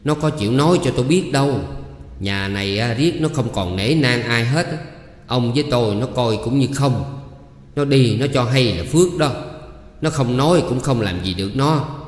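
A man's voice: medium pitch, lightly acted. A man voicing a cranky, nagging older farm wife. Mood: irritated, scolding. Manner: scolding, quick to bicker. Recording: echoey, reverberant room.

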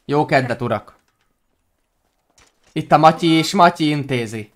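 A man from Hungary streaming a role-play game in casual banter, joking and teasing with playful rhymes. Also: on the high side.

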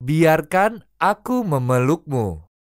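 A language teacher reads short everyday phrases for learners to repeat. Each phrase comes three times, unhurried and clearly spaced. The voice moves freely up and down, and the recording is dry and close. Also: mid-range voice, big pitch swings, dry recording. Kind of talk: reading phrase drills.

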